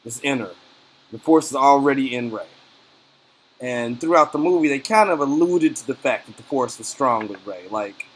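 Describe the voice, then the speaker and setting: A man giving a casual, rambling spoken movie review, full of fillers, his voice often trailing off quietly at the ends of phrases. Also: medium pitch, moderate pace, slightly rough. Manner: rambling, loose and conversational, lots of fillers.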